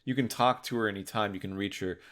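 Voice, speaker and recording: Guy on a podcast, lowish voice, rambly casual explaining with lots of stops and starts. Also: steady tone, fast talker, a bit bright. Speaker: podcast co-host. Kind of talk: casual game discussion.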